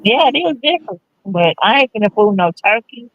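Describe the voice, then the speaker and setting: A woman's voice: medium pitch, very animated, fairly quick, dry recording, highs cut off. A woman chatting casually among friends in short, matter-of-fact remarks. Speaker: friend in group chat. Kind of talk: casual chat.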